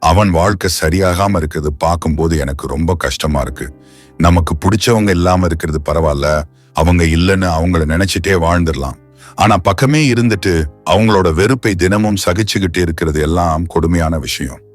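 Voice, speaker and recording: A man's voice: low-pitched, fairly quick, soft background music. A man voicing a grieving young police officer who speaks in a tearful, heartfelt way in an audio novel.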